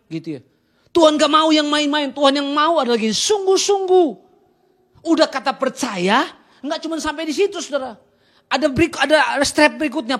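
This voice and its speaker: Male pastor, sermon, high-pitched, dramatic swings from soft to shouting. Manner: animated preaching, swinging from hushed to shouting; colloquial Jakarta slang in acted asides.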